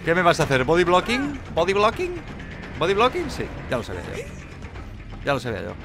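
A man giving live, mocking commentary while playing a horror game, jumping between loud outbursts and low muttering. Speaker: gameplay streamer.

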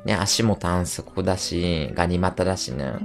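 A man livestreaming in casual chat, telling stories in an animated, rough and slangy way. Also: deep voice, unhurried, soft background music. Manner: animated ranting storyteller, rough slangy speech.

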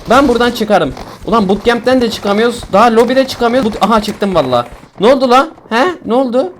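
A young man from Turkey giving excitable, joking commentary while he streams a game, complaining loudly and then muttering low. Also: a little fast. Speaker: gaming streamer. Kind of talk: casual gameplay commentary. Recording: faint game noise and gunfire behind.

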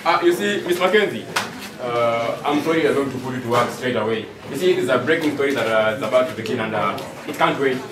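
Man playing a halting news chief. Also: mid-range voice, animated, natural voice. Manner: halting, many "uh" fillers. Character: male news bureau chief, businesslike but halting. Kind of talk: amateur stage play acting. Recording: roomy, distant mic with noise.

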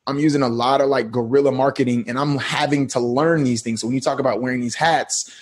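A man in his thirties telling his story as a podcast guest, relaxed and slangy. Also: medium pitch, quick pace, husky. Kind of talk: casual interview talk.

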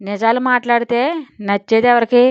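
A woman's voice: on the high side, steady tone, a little fast, clear, resonant tone, no room sound, close to an everyday voice. A woman voicing a cheeky young man who mocks and teases sarcastically. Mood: mocking. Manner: mocking, sarcastic. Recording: dull lo-fi audio.

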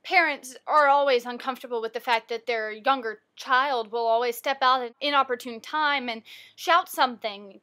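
A young woman vlogger telling a story in a bubbly, animated way from a home office. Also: high-pitched. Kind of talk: casual storytelling vlog.

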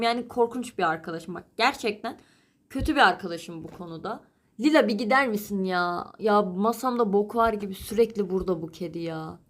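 A young woman vlogging in casual chat, chatty and exasperated, with quick asides. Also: medium pitch.

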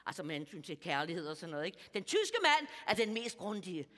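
A comedian with a lowish, sing-song, slightly bright voice plays a bawdy, gossipy old lady of about seventy in a stand-up character monologue. She confides in a live audience and chuckles at her own jokes, recorded on a stage mic in a hall full of people.

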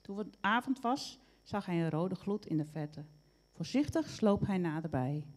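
Woman reading a kids story out loud, lowish warm mellow voice, easy pace. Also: breathy edge. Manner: unhurried storytelling with small slips. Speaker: reader. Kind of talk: reading a children's story aloud.

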